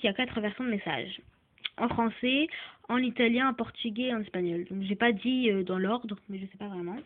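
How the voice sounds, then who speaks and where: Woman, casual toy reviewer, fairly high voice, halting and filler-heavy, tinny phone-line sound. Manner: hesitant, many fillers and restarts. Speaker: doll reviewer.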